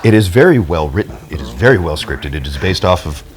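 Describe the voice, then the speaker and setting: A man's voice: low-pitched, big pitch swings, fairly quick. A man co-hosting a casual movie review chat in an irreverent, goofy, wisecracking way. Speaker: podcast co-host.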